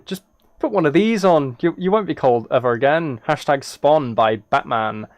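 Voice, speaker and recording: In a casual livestream from the United Kingdom, a British gamer rambles along, self-deprecating and apologetic. He speaks at a normal speed in an expressive voice on the high side, with no room sound.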